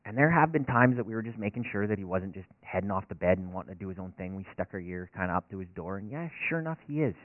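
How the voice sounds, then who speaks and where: Folksy chaplain on a tinny line. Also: male voice, deep voice, animated, quick pace, few pauses, dry recording. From northern Alberta. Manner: folksy, earnest, self-deprecating storytelling. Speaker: racetrack chaplain. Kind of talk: storytelling sermon. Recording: dry, tinny phone-like sound.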